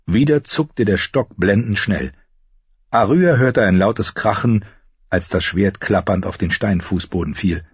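A man narrating an audiobook in an expressive reading style. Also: on the low side, measured pace, breathy edge, no echo. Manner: expressive reading, shifting into voices. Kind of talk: scripted narration. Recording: dull lo-fi recording.

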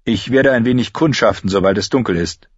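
A man's voice: on the low side, a little fast, breathy edge, no room sound, muffled recording, voice pushed up. A man voicing a brooding young smith who gives curt, stern orders. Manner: curt, commanding.

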